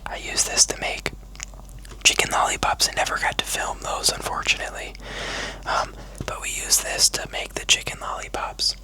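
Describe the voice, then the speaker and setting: A food vlogger speaking in an unhurried, casual, chatty whisper close to the microphone for an ASMR mukbang video. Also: pushed and bright, poor audio.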